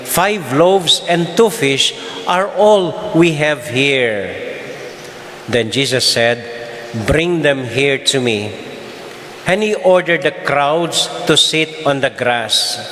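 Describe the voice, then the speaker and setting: A man delivers a solemn Gospel reading at an extremely slow, deliberate pace. His voice rings through cathedral echo and long reverb, with a faint hiss of noise. The phrasing is measured and liturgical. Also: medium pitch, a bit bright. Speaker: priest or deacon reading the Gospel at Mass. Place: large reverberant church.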